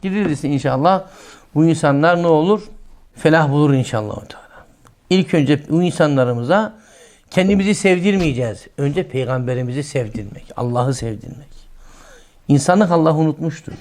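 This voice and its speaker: Middle-aged man preaching in a lively voice. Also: on the high side, normal speed. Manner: lively preaching, acts out quotes in a raised voice, drops to a soft aside. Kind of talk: sermon.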